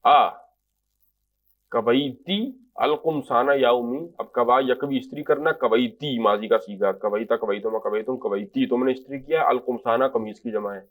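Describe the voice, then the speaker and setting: A man giving an Arabic grammar lecture in Urdu, reading out example phrases and translating them patiently line by line. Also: medium pitch. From Pakistan. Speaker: Arabic language teacher.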